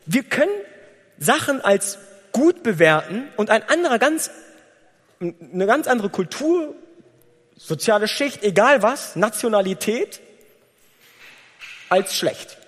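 A male preacher with a high, animated voice that rises and falls a great deal. He preaches in a conversational way and acts out short exchanges as he speaks. The sound carries the long reverb of a church hall. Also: slow, long pauses. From Germany. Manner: lively, conversational preaching with acted-out dialogue. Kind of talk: sermon.

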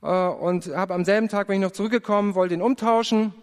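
High-voiced man preaching in reverberant hall. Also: fairly even intonation, clear, resonant tone. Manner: earnest, confessional storytelling with prayerful pauses. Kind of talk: personal testimony in a sermon.

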